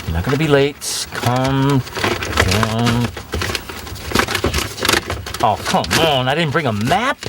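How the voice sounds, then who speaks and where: A man's voice: medium pitch, lively intonation, takes it slowly, long pauses, heavy background noise. A man playing a flustered young driver who is lost and nervous about a presentation. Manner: anxious, flustered.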